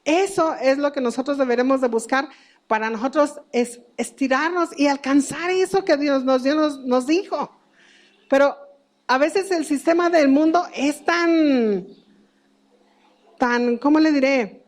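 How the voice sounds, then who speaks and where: A woman's voice: high voice, unhurried. A middle-aged woman giving a conversational church Bible teaching, asking rhetorical questions and laughing at her own stories.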